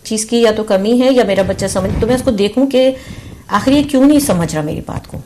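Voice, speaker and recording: A woman's voice: fairly high pitch, warm tone, a little hiss or hum. An earnest woman guest reflecting in conversation. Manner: earnest and reflective, mixes English words into Urdu. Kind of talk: casual chat.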